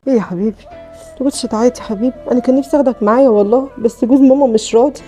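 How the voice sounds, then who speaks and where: A woman's voice: fairly high pitch, racing, warm tone, soft background music, lightly acted. A woman with an Egyptian accent playing a torn young mother who speaks tenderly and pleadingly.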